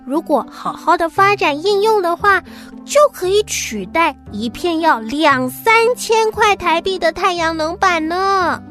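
High-pitched woman presenting to small children over music. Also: a little slow. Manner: animated, addressing small children as if reading to a toddler.

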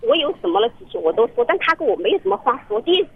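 A woman's voice: on the high side, sing-song, racing, slightly rough, dry recording. A woman calling in to a radio counseling show, telling her story in an earnest, rambling way with many restarts, heard over a phone line. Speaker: caller. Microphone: telephone.

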